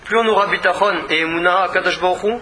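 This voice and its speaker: Male rabbi type, earnest teaching voice, very bright timbre, broadcast feel. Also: high voice, steady tone, fast talker. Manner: earnest, repeats words when searching. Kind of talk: religious lesson.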